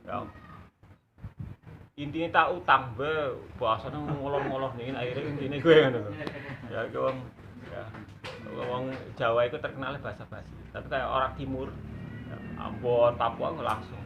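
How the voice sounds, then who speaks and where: A man's voice: medium pitch, fairly even intonation, moderate pace, creaky, lo-fi sound, background noise. A man with a Javanese accent teaching a religious study class, folksy and joking, mixing in Javanese.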